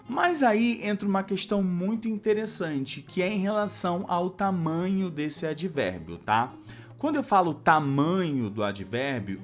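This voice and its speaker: A man walks through a grammar lesson for exam candidates, taking each point step by step. His pitch rises and falls a lot as he checks in with his listeners. A faint bed of music plays under his voice. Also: fairly bright tone. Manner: explains step by step, often adds a checking "tá?". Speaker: grammar teacher.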